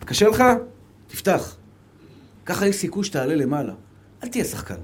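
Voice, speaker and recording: A male rabbi with an Israeli accent giving a fervent Torah lecture, dropping to soft low asides and then rising to emphatic calls. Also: big pitch swings, slightly rough.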